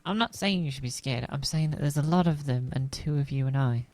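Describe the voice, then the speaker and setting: A woman's voice: rumbling low, fairly quick, a little mellow, dry recording. A woman speaking in character in a roleplay game, rambling and worried. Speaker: roleplay gamer.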